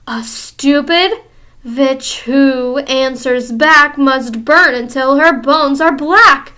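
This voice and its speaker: A woman's voice: high-pitched, slow pace, bright, forceful tone, exaggerated voice. Woman doing a shrieking tyrant witch queen. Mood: menacing. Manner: screaming, commanding, ranting. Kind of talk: audiobook character reading.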